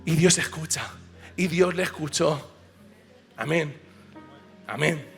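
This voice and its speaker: A male pastor preaching a passionate sermon in a church, swinging from hushed lines to shouts. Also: on the high side, slow, gravelly. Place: church auditorium. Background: soft piano.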